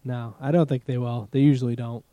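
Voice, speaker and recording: Dark-voiced Massachusetts man, casual podcast. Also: medium pitch, fairly even intonation, fairly quick, dry recording, dull audio. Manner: swears freely, laughs often. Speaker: podcast co-host. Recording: remote recording without proper mics.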